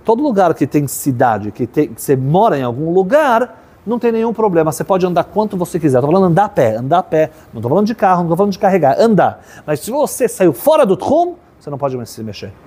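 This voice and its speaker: A man telling a story and teaching as a religious teacher, animated, often checking in with his listeners. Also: high-pitched, quick pace, slightly rough. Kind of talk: storytelling sermon.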